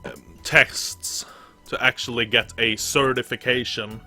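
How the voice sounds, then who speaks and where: Young man, bright forceful voice, slow unhurried talk, casual swearing game commentary, faint music behind. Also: medium pitch, steady tone. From Sweden. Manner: casual, swearing, rambling with restarts. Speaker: gaming streamer. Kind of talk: let's play commentary, reading game text aloud.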